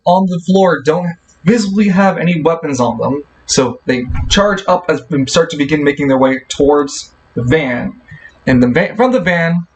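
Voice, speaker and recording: A man runs a tabletop game, narrating the scene in quick, rambling bursts. His voice sits a little high. Faint background noise runs under it. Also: poor audio. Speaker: game master.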